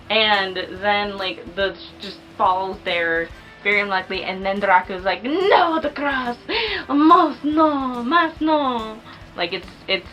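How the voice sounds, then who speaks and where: A woman's voice: mid-range voice, sharp tone, low-quality recording. A young woman chatting casually and enthusiastically as she reviews a movie, peppering her talk with fillers.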